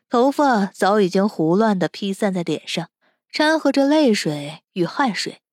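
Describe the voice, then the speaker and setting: A woman narrating a web novel audiobook in an expressive, dramatic reading. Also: medium pitch, no echo, clean studio sound.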